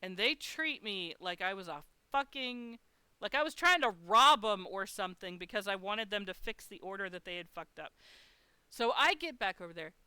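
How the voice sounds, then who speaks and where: Bright, clear-voiced woman telling a story. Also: medium pitch, moderate pace, dry recording. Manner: animated and profane, with frequent swearing. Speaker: artist streaming live. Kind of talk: casual storytelling on a livestream.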